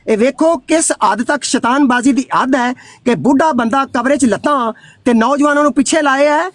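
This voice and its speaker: A man's voice: very high-pitched, moderate pace, no room sound. A man, arguing hotly in a live debate, accusing and restarting often. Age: 60s. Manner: heated, accusing, stumbling restarts.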